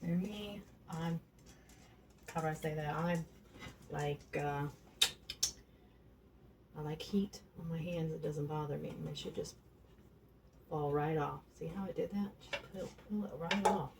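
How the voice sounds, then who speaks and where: A woman's voice: low-pitched, a little slow, vocal fry, pauses often. A woman chatting homily as she cooks in her home kitchen, showing how it's done. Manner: chatty and homey, talks while cooking. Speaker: home cook. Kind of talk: casual cooking demonstration. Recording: noisy kitchen with clattering dishes. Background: pans and dishes clattering.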